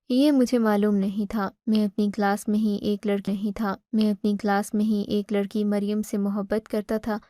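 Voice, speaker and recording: A woman storyteller reading a first-person moral story in a steady, even way. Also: medium pitch, dry recording, studio quality. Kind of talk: scripted first-person narration.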